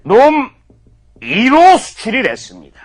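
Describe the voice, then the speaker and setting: A man's voice: very high-pitched, huge pitch swings, moderate pace. A man giving a mock-formal comedy lecture, peppered with profanity.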